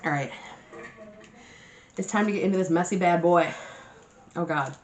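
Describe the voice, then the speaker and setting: Low-voiced woman doing a casual mukbang chat. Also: normal speed, darkish tone. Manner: eating messily while talking, mukbang style; sweary, slangy storytelling with acted-out quotes. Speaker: mukbang video host. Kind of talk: casual chat to viewers while eating.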